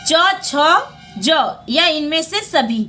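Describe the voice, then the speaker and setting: A woman teaching a Hindi exam lesson, going through questions and repeating each answer back as a quick question and reply. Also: high-pitched, animated, sharp tone, faint music behind.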